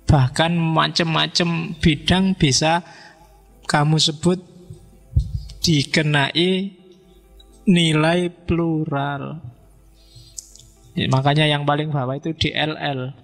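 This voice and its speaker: A man's voice: fairly high pitch, takes it slowly, vocal fry, pauses often. Man lecturing in an echoing hall. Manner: relaxed, joking, asks the audience questions. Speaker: philosophy lecturer. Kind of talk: informal philosophy lecture. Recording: reverberant hall with faint music.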